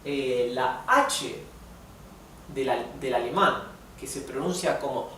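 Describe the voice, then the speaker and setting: A man teaching a language lesson, explaining pronunciation patiently and reading examples slowly. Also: medium pitch, a bit bright. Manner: patient, slow and repetitive, reads examples aloud slowly. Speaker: German teacher. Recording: echoey room from a distance, faint noise.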